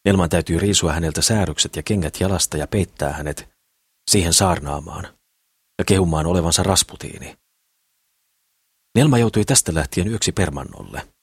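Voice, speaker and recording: A man reading an audiobook novel in calm, steady scripted narration. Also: deep voice, husky, no room sound, studio quality.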